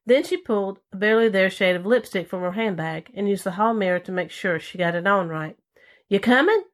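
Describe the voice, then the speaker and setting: Woman reading a first-person story. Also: fairly low pitch. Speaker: story reader. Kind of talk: first-person scripted narration.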